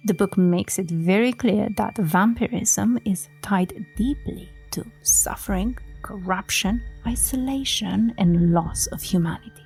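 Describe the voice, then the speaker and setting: A woman from Romania hosting a book-talk podcast, speaking softly and sometimes dropping to a whisper. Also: mid-range voice, a little slow, gravelly, hardly any pauses, slightly rough, faint music behind. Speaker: podcast host.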